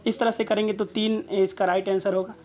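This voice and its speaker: Casting: woman teacher, methodical and patient, talks through each exam answer, mid-pitched voice. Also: little pitch movement, brisk, a little mellow. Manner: methodical, checks in with rhetorical questions. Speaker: Sanskrit exam tutor.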